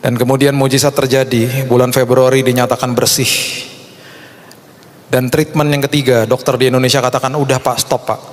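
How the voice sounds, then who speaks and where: A man's voice: mid-range voice, flat delivery, fairly quick. A middle-aged man preaching a sermon as pastor, fervent and dramatic. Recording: long hall reverb.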